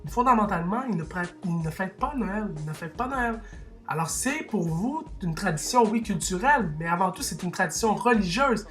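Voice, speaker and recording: A man's voice: sits high, expressive, fairly quick, fairly bright tone, soft background music. Impassioned Québécois man ranting. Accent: Québécois French. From Quebec. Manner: impassioned, argumentative, full of restarts and asides. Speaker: vlogger. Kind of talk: opinion rant to camera.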